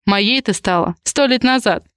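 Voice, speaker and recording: A woman's voice: medium pitch, normal speed, fairly bright tone, clean tone, no echo, clean studio sound, close to an everyday voice. A woman reading an audiobook, voicing a protective, possessive young man in clipped, blunt lines. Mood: gruff.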